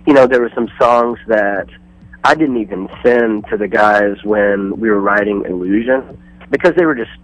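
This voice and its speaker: A man's voice: fairly low pitch, normal speed, no echo, poor audio. A man calling in over the phone as a touring musician guest, rambling through stories and acting out what people said to him. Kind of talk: casual radio phone interview.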